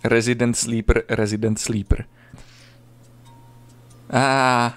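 A man streaming a video game, commenting casually and crudely, swearing often and breaking into sudden high yelps. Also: level tone, a bit bright. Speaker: gaming streamer. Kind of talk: casual let's-play commentary.

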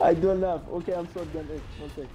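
A man's voice: fairly high pitch, steady tone, quick pace, mellow. A man on a gaming team, chatting casually and rattling off urgent repeated warnings. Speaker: gaming teammate.

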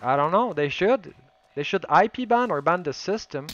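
Streaming a shooter from his home on a headset, this Polish-born man in his thirties, a native Polish speaker, gives casual gaming commentary that flips between French and English. His voice is on the high side at a moderate pace, the audio dull, and he gets excitable calling out cheaters.

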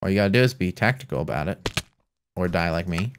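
A man's voice: low-pitched, fast talker, noisy background. A young man chatting casually during a game, teasing his friend with dry remarks. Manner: dry teasing, lively reactions. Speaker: gaming channel co-host. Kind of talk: casual gameplay chat.

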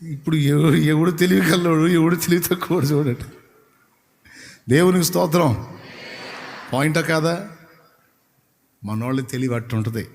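Male preacher, storytelling sermon, chatty with questions to the crowd, slightly high voice, long hall echo. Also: normal speed, pauses often. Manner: conversational, asks the listeners questions.

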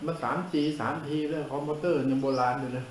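A man's voice: a little high, steady tone, fast, roomy sound, crowd noise, low-quality recording. An older man, a monk giving a blunt, informal sermon, coarse and scolding, who laughs at his own jokes.

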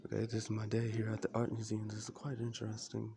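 A man's voice: fairly low pitch, completely flat delivery, fast, gravelly, a crowd in the background. A young man filming a casual walk-through of an art museum, musing aloud with curiosity about each piece. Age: young adult. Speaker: vlogger.

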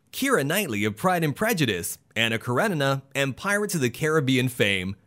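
A man's voice: a little high, fairly bright tone. A man reading a scripted voice-over narration in an upbeat way.

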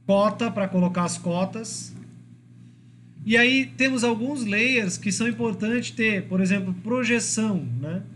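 A man's voice: sits high, a bit bright, a little hiss or hum. A man with a Brazilian Portuguese accent giving a university lecture, explaining step by step and checking in with the class. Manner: explanatory, checks in with frequent tag questions. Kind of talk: classroom lecture on drawing software.

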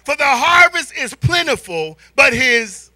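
Holding a microphone before his congregation in a large indoor church hall, a middle-aged American man preaches as a church elder, weaving stories and call-and-response into his sermon. Born in Spain to an American military family, he speaks in a very high voice with no echo, theatrically drawing out words and swinging between quiet asides and shouts.

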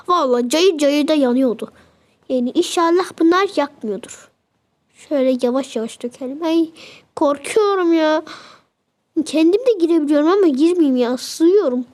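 A woman's voice: high-pitched, moderate pace. A young woman chatting casually as she narrates a game, fretting and exclaiming as she goes. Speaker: game video creator.

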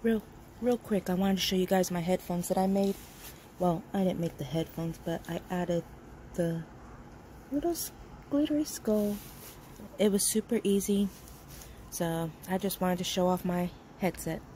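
A woman in her thirties chatting casually and quietly, as if late at night, giving an update to her phone at home. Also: lowish voice, fairly even intonation, moderate pace, low-quality recording. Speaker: vlogger. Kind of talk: casual chat update to camera. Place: small dim room at home, indoors. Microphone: phone at arm's length. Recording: faint background noise, home phone recording.

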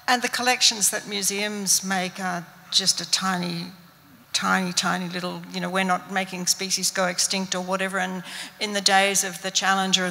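An older Australian woman answers on stage in an earnest way, full of small restarts and fillers. Her voice is bright with a creaky edge and stays fairly flat. The handheld mic carries the long reverb of an event hall. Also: fairly low pitch. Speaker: museum scientist panellist. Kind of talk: panel discussion answer.

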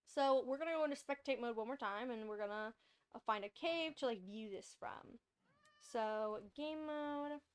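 A woman's voice: high-pitched, clean tone. A young woman streaming a video game, chatting casually and rambling, with frequent laughs. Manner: bubbly, rambling, laughs often. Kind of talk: casual gameplay chat.

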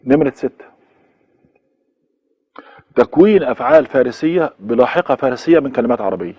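A man's voice: medium pitch, expressive, brisk, mellow, husky, dry recording, dull audio. A man with an Egyptian accent giving a recorded university course lecture, listing examples one by one and repeating them, with fillers. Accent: Egyptian Arabic.

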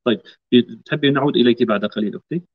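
A man's voice: medium pitch, rapid-fire. Patient male tajweed teacher, lo-fi call. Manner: patient, corrects and models each word. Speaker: Quran recitation teacher. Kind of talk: online tajweed class instruction. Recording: lo-fi online call audio.

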